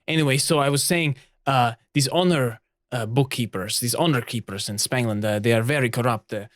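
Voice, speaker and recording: A man's voice: mid-range voice, fairly quick, fairly bright tone, no echo, clean studio sound, lightly acted. A man voicing a proud, honor-obsessed woman naval officer in a put-on Spanish accent, earnestly lecturing. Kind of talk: improvised tabletop role-play.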